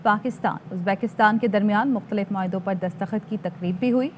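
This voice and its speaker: A female news anchor reading headlines in a steady, formal manner. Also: medium pitch, fast talker, slight background noise.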